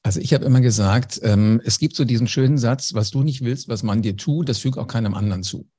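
Man, husky voice, mellow dark tone, lively storyteller, interview guest. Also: medium pitch, a little fast. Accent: German. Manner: lively anecdotal, speaks directly to listener. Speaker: podcast guest, former radio host.

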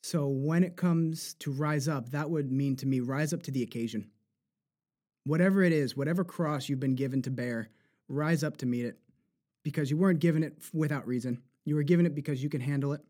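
A man guest, a performer, talking earnestly and slowing down as he reflects on what matters to him. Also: on the high side, dark tone. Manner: earnest, slows down when reflecting. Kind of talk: reflective interview talk.

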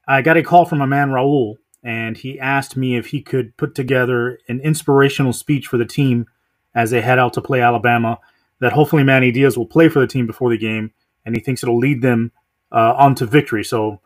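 A man's voice: medium pitch, fairly even intonation, moderate pace. A man hosting a podcast, talking in a casual, conversational and self-deprecating way. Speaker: podcast host.

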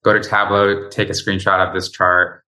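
A man's voice: low-pitched, little pitch movement, moderate pace, bright, forceful tone. A man from Bosnia, a startup founder talking as a podcast guest in a conversational way that often tags sentences with "right?". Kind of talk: casual interview talk.

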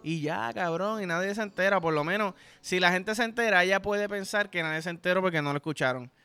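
High, bright Puerto Rican man ranting. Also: fast, clear, resonant tone, no echo, soft background music. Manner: profane, ranting, acts out quoted people. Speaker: podcast host. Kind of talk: solo comedic rant.

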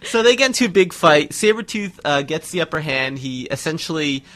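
Man, podcast co-host, casual recap chat, somewhat high pitch. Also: expressive, a little fast, fairly bright tone. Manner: recaps the episode, acts out quotes in a booming voice.

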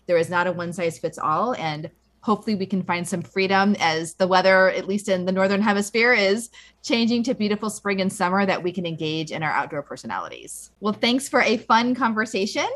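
A woman's voice: medium pitch, animated, a little fast, a bit bright. A woman hosting a podcast, chatting casually and enthusiastically before signing off. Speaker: podcast host. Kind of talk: casual chat and sign-off.

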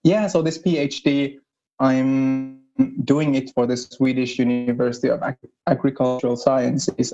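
A young man from northern Finland with a Finnish accent, a guest explaining his research at a measured pace. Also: mid-range voice, warm tone, muffled recording. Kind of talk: casual interview.

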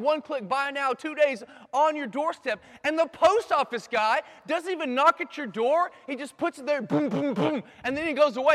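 Animated high-voiced preacher in a hall. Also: male voice. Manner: dramatic swings from loud bursts to hushed near-whispers; makes playful sound effects. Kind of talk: sermon to a live audience. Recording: long hall reverb.

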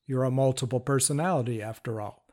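A man giving a patient, step-by-step instructional talk, explaining calmly. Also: mid-range voice, quick pace. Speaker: teacher of inner-parts work.

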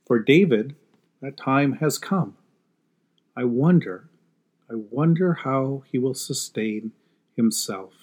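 A man speaking as a pastor, preaching and praying in measured, solemn short phrases as in a church service. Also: medium pitch, expressive, darkish tone. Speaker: pastor leading worship. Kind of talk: sermon and liturgical prayer.

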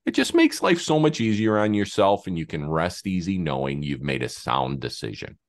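Deep gravelly man giving advice. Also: very animated, normal speed, no echo, clean studio sound. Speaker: podcast guest, Medicare advisor. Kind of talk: conversational advice on a podcast.

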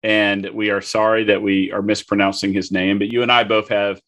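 Male co-host, lower pitch, easy conversational explainer. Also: flat delivery, fairly quick, fairly bright tone, highs cut off. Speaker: podcast co-host. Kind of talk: casual literary discussion.

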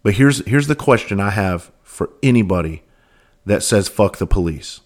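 A man's voice: fairly low pitch, lively intonation, moderate pace. A man who used to be a police officer, hosting a podcast and talking bluntly in a casual monologue, full of swearing and rhetorical questions. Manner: repeats words when starting sentences.

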